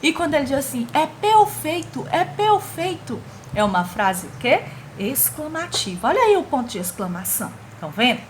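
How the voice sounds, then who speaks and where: A woman's voice: fairly high pitch, very animated, fast talker, few pauses, a little hiss or hum. A woman with a Brazilian accent teaching a grammar lesson to young schoolchildren. She speaks patiently and asks the class questions that she then answers herself. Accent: Brazilian Portuguese. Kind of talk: recorded remote grammar lesson for children.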